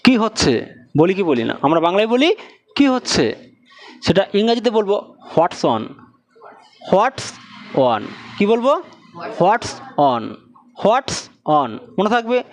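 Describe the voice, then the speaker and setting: A man who speaks Bengali natively, teaching English in a slow, repetitive classroom drill, often quizzing with questions. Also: sits high, big pitch swings. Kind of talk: classroom lesson with repeated drills.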